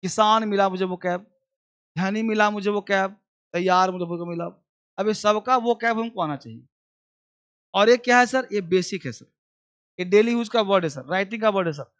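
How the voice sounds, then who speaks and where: A man's voice: high-pitched, normal speed, long pauses, fairly bright tone. A man teaching a basic English class, drilling words and repeating questions for students to answer.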